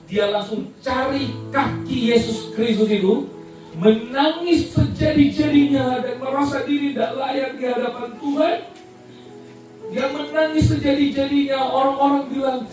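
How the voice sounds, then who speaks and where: Dramatic woman pastor in echoey hall. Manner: dramatic, swinging from loud declaring to soft low pleading. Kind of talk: sermon. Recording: echoey hall, music behind, distant mic.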